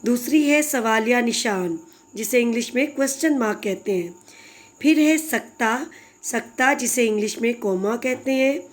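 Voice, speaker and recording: A woman's voice: on the high side, moderate pace. Patient woman teaching a grammar lesson. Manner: patient, explanatory, addresses pupils fondly. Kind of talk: recorded grammar lesson for children.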